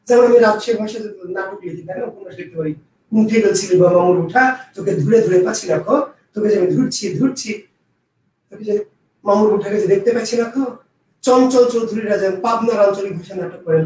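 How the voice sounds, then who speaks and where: Brief: high-pitched male teacher, exam-prep lecture, drills answers, distant mic in a very echoey room. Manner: repeats key answers, quizzes the students aloud.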